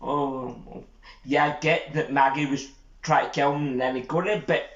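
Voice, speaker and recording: A man co-hosting a podcast in casual chat, relaxed and halting, filling gaps with 'uh'. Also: mid-range voice. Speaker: podcast co-host. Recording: dull echoey room recording.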